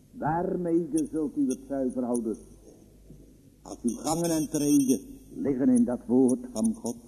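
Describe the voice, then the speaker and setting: A man preaching a sermon in a church, solemn and emphatic, with sudden high outbursts. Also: warm tone. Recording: long reverb of a church hall.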